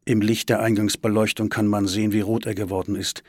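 A man reading a story aloud in an expressive audiobook style. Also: fairly low pitch, brisk, no room sound, clean studio sound. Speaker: narrator.

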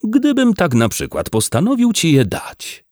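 A man's voice: high voice, wildly swooping pitch, unhurried, no room sound, studio quality, voice pushed up, exaggerated voice. A man voicing a harsh, contemptuous rich farmer who speaks sharply and slyly. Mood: scornful. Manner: sharp, scornful, sly.

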